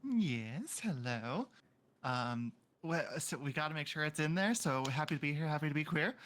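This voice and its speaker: A man's voice: fairly high pitch, animated, normal speed, a bit bright. A man introducing himself as a player in a tabletop game, upbeat and chatty. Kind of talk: casual chat.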